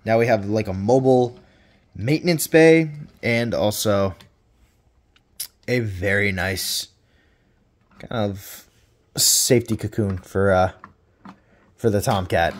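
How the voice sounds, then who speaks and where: Chatty man in an echoey room. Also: fairly low pitch. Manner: chatty, rambling, with playful swearing. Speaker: toy reviewer. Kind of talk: casual toy review vlog. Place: indoor room with reverb.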